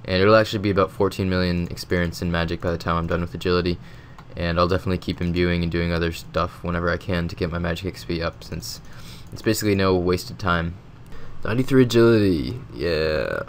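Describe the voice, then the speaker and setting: A deep-pitched man sounding sick and congested, his nose stuffed up. He talks casually and loosely over gameplay, drifting between thoughts with frequent fillers. A faint hum of background noise sits behind him. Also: fast. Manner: rambling, relaxed, lots of filler words. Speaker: gaming video host. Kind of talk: casual game commentary voice-over.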